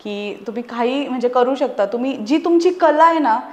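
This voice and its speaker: A woman in her thirties with a high voice, speaking as a guest in a relaxed interview. Her delivery is earnest and persuasive as she works through examples. The room around her sounds echoey. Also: normal speed. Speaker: podcast guest, parenting expert. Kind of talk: casual conversational interview.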